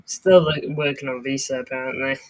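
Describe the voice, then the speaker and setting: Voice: mid-range voice, fairly even intonation, brisk. A livestream host giving casual, off-the-cuff live football commentary while watching a match.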